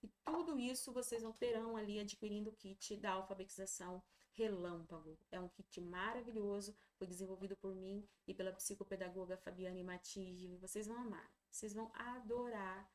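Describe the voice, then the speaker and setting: A woman teacher, warmly guiding parents through a literacy workbook and slowly sounding out syllables. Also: medium pitch, steady tone. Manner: warm, encouraging, slows and sounds out syllables.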